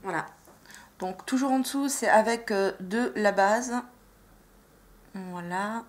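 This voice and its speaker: A beauty vlogger with a medium-pitched voice takes it slowly as she chats casually and enthusiastically about her makeup purchases. Her talk is full of fillers and hesitations.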